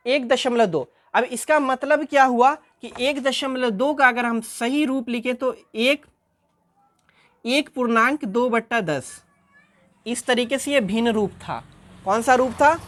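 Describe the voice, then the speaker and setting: A woman's voice: fairly high pitch, a bit bright. A woman teaching a math lesson who asks her class questions, answers them herself and repeats the key terms.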